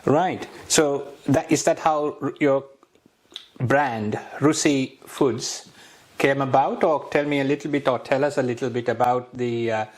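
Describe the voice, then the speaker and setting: A man's voice: mid-range voice, fairly even intonation, measured pace. A man from Sri Lanka hosting a talk show, eagerly asking questions and often restarting his sentences. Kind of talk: interview and food tasting.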